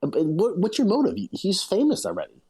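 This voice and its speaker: A man's voice: high-pitched, wildly swooping pitch, a little fast, dark tone, breathy edge, rough recording. A man co-hosting a casual podcast chat, talking in emphatic, incredulous bursts. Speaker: podcast co-host.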